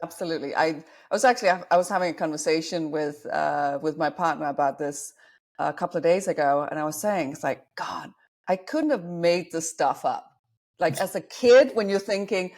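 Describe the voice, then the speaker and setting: She's a Danish dating coach in her forties, appearing as a podcast guest. Her low, slightly mellow voice moves at a normal speed as she looks back on her life with self-deprecating humor.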